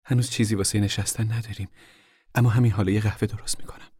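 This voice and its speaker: A man's voice: on the low side, steady tone, a little mellow, husky, no echo, studio quality. A man voicing a humble, flustered middle-aged mother who is eager to please her visitors.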